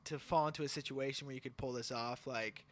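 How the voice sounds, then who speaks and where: A man's voice: mid-range voice, steady tone. A man hosting a podcast, teasing his guests in casual, joking banter. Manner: joking, teasing, fast and loose. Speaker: podcast host.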